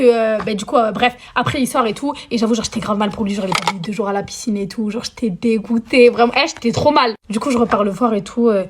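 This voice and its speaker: Fast-talking, animated young woman telling a story. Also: fairly high pitch, noisy background. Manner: chatty, dramatic, slangy, mixes English phrases in. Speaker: storyteller vlogger. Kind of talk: casual story time.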